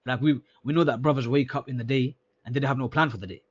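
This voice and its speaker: A man's voice: mid-range voice, fast. A man reviewing a sales call with a student in a casual coaching tone, often repeating words and calling him akhi. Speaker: sales mentor. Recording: slightly dull lo-fi sound.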